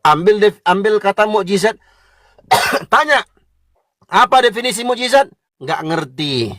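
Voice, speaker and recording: A man's voice: sits high, expressive, unhurried, fairly bright tone, no room sound, studio quality. A man giving a combative, mocking religious lecture, lecturing listeners directly.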